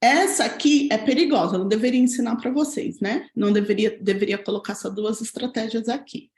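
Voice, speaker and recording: A woman's voice: fairly high pitch, fairly quick, darkish tone, roomy sound. A woman teaching a parenting lesson from home, explaining step by step and often checking in with tag questions. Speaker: parenting educator. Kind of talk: talking-head parenting lesson.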